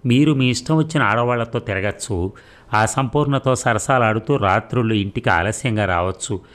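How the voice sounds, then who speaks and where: A man reading aloud as a hurt, sharp-tongued young wife who speaks in a sarcastic, accusing way. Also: medium pitch, moderate pace, lightly acted. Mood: bitter accusing.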